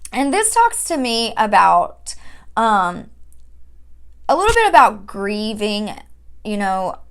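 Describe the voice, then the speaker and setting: A woman giving a casual spiritual tarot reading, chatty and often checking in with her listeners, with slow, drawn-out calls to spirit guides. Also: mid-range voice, very animated, smooth. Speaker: tarot reader.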